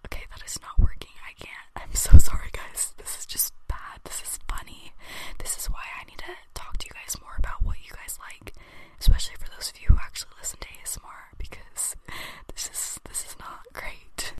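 A woman's voice: brisk, low-quality recording. A young woman hosting a podcast, whispering close to the mic in a casual, self-deprecating gossip style with lots of filler words. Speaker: podcast host. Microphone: close studio mic, tapped at times.

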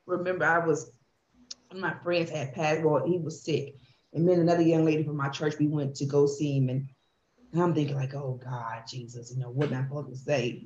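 A woman host with a lowish, slightly mellow voice shares a heartfelt faith testimony, telling it in an earnest and emphatic way. The room sound is echoey and dull.

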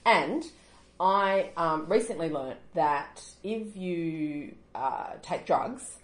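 A woman's voice: on the low side, animated, extremely slow. A middle-aged woman co-hosting a podcast, chatty and rambling, often trailing off mid-sentence. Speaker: podcast co-host. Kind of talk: casual chat. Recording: roomy echo.

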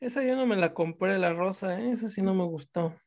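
A fairly high-voiced man, chatting about football on a talk show. He is animated, swears casually and often breaks off to restart a sentence. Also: a little fast. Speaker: sports talk show host. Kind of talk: casual sports chat.

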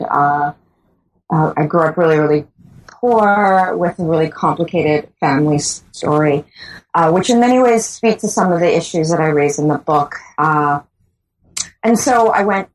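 A woman's voice: deep voice, poor audio. A woman from the Bahamas, a guest scholar answering interview questions thoughtfully and often restarting her sentences. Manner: thoughtful, restarts sentences while searching for words.

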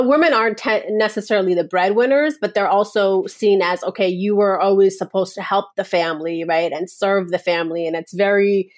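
A woman from Nepal talks as a podcast guest at an ordinary middle pitch. She speaks earnestly and reflectively, and often links her thoughts with "like" and "and so.". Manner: earnest, reflective, many "like" and "and so" fillers. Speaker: guest, personal power coach. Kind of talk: casual podcast interview.

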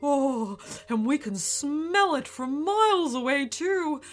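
Lady doing a high stammery dinosaur guy, super polite and fussy, slow and swoopy. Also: big pitch swings, fairly bright tone, soft background music, full character voice. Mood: gleeful. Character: nervous, polite male dinosaur in disguise. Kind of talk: storybook character voice.

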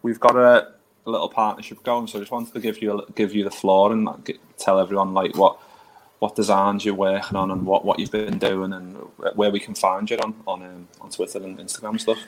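Deep-voiced Liverpool man hosting casually. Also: flat delivery, fairly quick, slight background noise, low-quality recording. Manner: blokey, matey, slangy and sweary. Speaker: podcast host. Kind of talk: casual football chat.

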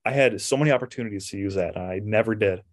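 A young man co-hosting a casual podcast, telling stories in a relaxed, easygoing way. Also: lowish voice, racing, no echo, clean studio sound. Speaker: podcast co-host.

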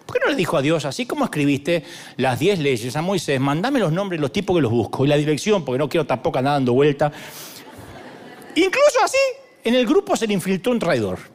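A middle-aged pastor delivers a sermon in a high, bright register. His pitch leaps wildly up and down as he tells the story. He keeps it humorous and animated, acting out scenes and shouting quoted lines.

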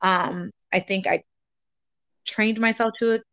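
A woman guest from California speaks in an earnest, upbeat way, sliding between English and Spanish mid-sentence. Her pitch sits mid-range for a woman, and she breaks into laughter often as she talks. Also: fairly even intonation, a little slow, fairly bright tone, no echo. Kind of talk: casual bilingual interview chat.

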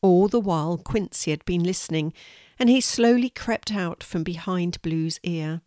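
Gentle older grandma storyteller. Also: female voice, on the low side, unhurried, no room sound, studio quality. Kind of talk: children's story reading.

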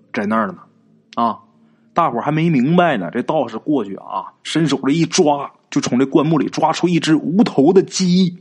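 A man's voice: medium pitch, darkish tone, slightly rough. A man telling a folk ghost story in a chatty, colloquial way, talking straight to his listeners.

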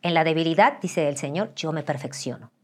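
Lively joking Mexican woman, older. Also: low voice, a little fast. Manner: animated and joking, acts out voices. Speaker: interview guest, pastor's wife. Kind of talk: candid storytelling interview.

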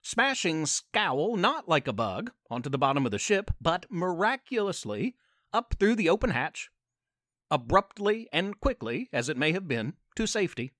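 A male storyteller narrating a podcast tale with playful asides. His voice is on the high side and rises and falls with great life. The recording is close and dry, with no room around it. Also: sing-song, moderate pace, a bit bright, dry recording.

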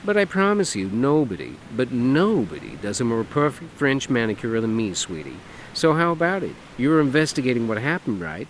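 A man's voice: mid-range voice, sing-song, moderate pace, hardly any pauses, slight background noise, pitched above the performer's own voice, lightly acted, low-quality recording. A man voicing a flamboyant, brash lawyer who talks in a camp, sassy, emphatic drawl.

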